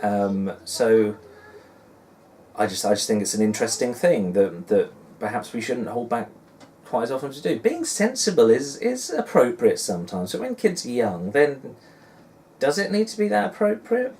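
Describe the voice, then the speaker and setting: A man in his forties with a Suffolk accent talks casually to his viewers, musing and rambling with a self-deprecating touch. His voice sits at a middling pitch. He is recorded some way from the microphone, with faint noise behind him. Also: big pitch swings, normal speed, a little mellow. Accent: Suffolk English. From Suffolk, England. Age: 40s. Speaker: dad blogger and vlogger. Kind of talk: casual rambling vlog chat. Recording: distant mic with faint background noise.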